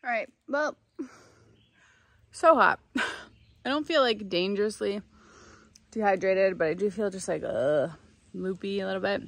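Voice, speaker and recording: Chatting loosely on a long trail through the woods, a young woman vlogs into a phone held out at arm's length. Her medium-pitched, gravelly voice is a bit bright and a little slow, with long pauses, over faint outdoor ambient sound.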